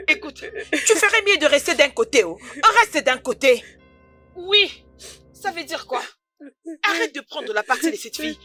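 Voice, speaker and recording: Spiteful taunting young bully. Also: female voice, sits high, sharp tone. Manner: mocking, scornful taunts. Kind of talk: dubbed film drama.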